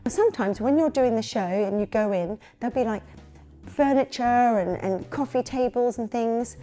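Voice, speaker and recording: Woman, London accent, warm mellow tone, chatty, candid, casual advice vlog, faint music behind. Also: fairly high pitch, moderate pace. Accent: London English. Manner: chatty and candid, full of practical asides. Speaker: children's party entertainer.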